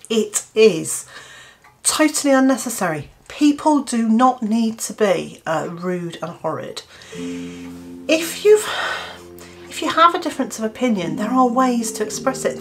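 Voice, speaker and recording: A British woman in her fifties who hosts a gardening channel delivers an earnest opinion piece to camera. She speaks British English at a medium pitch with a fairly bright tone, hesitating with restarts and fillers.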